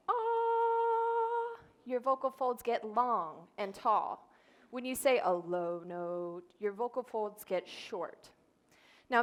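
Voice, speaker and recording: A woman, a speech therapist, giving an explanatory talk on stage and demonstrating voice sounds. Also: fairly high pitch. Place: event stage before an audience.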